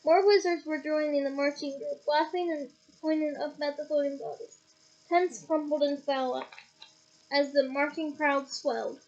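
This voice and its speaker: Woman reader, high voice, chatty asides, lo-fi home recording. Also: fairly even intonation, normal speed, a little mellow. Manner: casual, stops to comment and laugh. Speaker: audiobook reader. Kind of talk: reading a novel aloud with asides.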